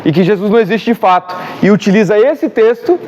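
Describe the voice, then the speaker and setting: Animated high-voiced Brazilian preacher man. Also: a little fast, slight background noise. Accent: Brazilian Portuguese. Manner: animated storyteller, acts out dialogue. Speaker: Bible class teacher. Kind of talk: lively church teaching.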